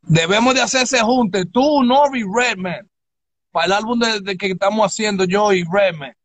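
A man from the New area hosts a loose, animated interview. He slides between Spanish and English street slang. His voice sits high for a man and has a bright, forceful edge. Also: moderate pace, dry recording. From New York area. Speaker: interviewer, rapper. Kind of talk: casual interview chat.

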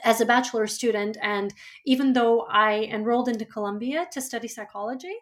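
As a guest author in an interview, a native Georgian-speaking woman from Georgia thoughtfully recounts her life, frequently pausing with fillers and starting over. Her pitch is fairly high.

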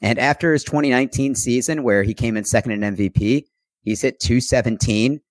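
A man's voice: medium pitch, a little fast, no room sound. A man talking through fantasy baseball stats in an analytical, earnest way during a casual chat. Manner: analytical, stat-heavy, earnest.

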